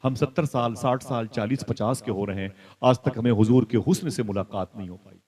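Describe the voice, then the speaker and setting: A male preacher delivers an impassioned religious sermon in a storytelling style. He drops into soft asides, then rises to loud, high exclaims, and keeps turning to his listeners with direct questions. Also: brisk.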